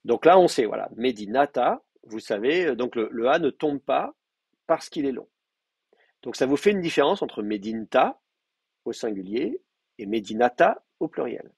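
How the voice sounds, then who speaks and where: Husky-voiced man teaching a class. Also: medium pitch, very animated, a little mellow, no room sound. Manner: explanatory, repeats forms slowly, many fillers. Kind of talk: university lecture.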